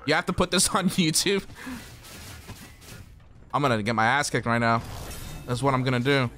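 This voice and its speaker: A young man giving excitable live commentary while streaming a shooter game, swearing casually and talking to his chat and teammates. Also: medium pitch, normal speed, slight background noise. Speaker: gaming streamer.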